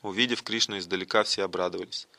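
A man narrating the stage directions of a devotional play in a quiet, subdued voice. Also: deep voice, steady tone, quick pace, creaky, dry recording. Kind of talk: dramatic reading of a devotional play.

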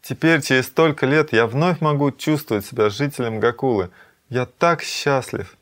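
A man's voice: medium pitch, moderate pace, fairly bright tone, pitched above the performer's own voice, natural voice. A man voicing a joyful young hero.

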